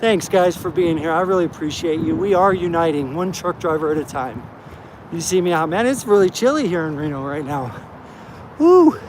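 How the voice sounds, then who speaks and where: High-voiced man livestreaming outdoors. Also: a little fast. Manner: upbeat, talks straight to chat. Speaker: livestream host. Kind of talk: casual live-stream vlogging. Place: outdoors at a truck stop parking lot. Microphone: handheld phone. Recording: phone audio with loud outdoor noise. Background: vehicle and outdoor noise.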